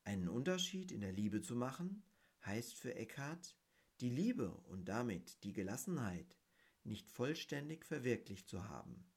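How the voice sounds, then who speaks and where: Slow, husky man with a lively voice. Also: mid-range voice. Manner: measured and deliberate, stressing key words. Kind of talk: reflective spiritual talk with read quotations.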